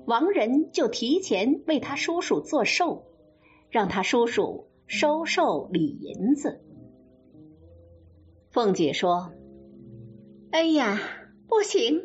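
A woman storyteller narrating a classic novel in an expressive way. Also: a little high. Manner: slow, lively, expressive narration. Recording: dull lo-fi sound with faint music.

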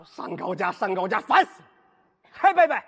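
A man's voice: high voice, very animated, moderate pace, pushed and bright, in a large hall, a little hiss or hum, exaggerated voice. A man playing a hapless, exasperated driver, complaining animatedly in a comedy sketch. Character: exasperated, hapless driver arguing with talking navigation. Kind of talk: comedy sketch stage acting.

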